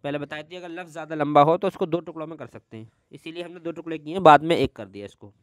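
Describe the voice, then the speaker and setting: A man teaching Quran reading, spelling each word syllable by syllable in long drawn-out tones with quick spoken asides between, in an Indian Urdu accent. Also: on the high side, no room sound, clean studio sound. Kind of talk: slow spelling-out recitation lesson.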